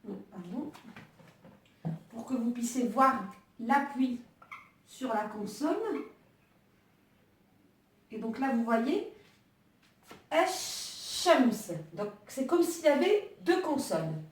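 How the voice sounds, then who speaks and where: A woman's voice: on the high side, sing-song, slow, long pauses. Woman, online language teacher, hesitant with fillers, echoey room, distant mic. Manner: hesitant, many fillers and restarts while writing. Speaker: Arabic teacher.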